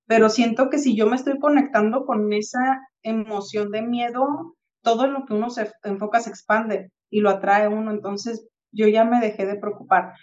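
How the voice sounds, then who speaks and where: Higher-voiced Mexican woman telling a story. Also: normal speed, highs cut off. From Tijuana, Mexico. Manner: reflective, animated anecdote-telling with acted-out quotes. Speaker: podcast co-host. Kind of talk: casual chat, storytelling.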